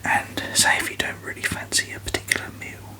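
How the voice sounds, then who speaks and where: A person whispering an ASMR review very softly, with tingly mouth sounds and halting, unhurried phrasing. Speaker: ASMR video host.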